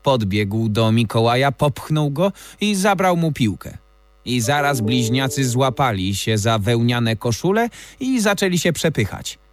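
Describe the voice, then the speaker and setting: A man narrating a children's audiobook in a measured, expressive reading style. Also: medium pitch. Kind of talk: scripted storybook narration.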